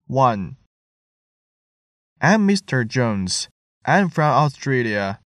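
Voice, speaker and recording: A man reading English listening-test items clearly and deliberately, repeating each sentence. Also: medium pitch, sing-song, no echo, clean studio sound.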